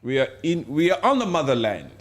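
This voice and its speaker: A man from Africa co-hosts a casual live stream of political chat, his voice a little high, sing-song and brisk. He speaks with passion and emphasis, repeating phrases to drive his points home.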